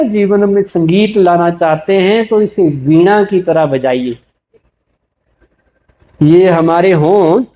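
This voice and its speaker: A man giving a spiritual talk to an audience, gently teaching and repeatedly asking listeners questions before answering them himself. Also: high-pitched. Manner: slow, gentle, repetitive teaching. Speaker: spiritual speaker.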